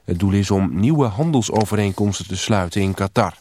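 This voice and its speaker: A man reading a scripted radio news bulletin in an even, formal manner. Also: lowish voice, brisk. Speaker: newsreader. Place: news studio.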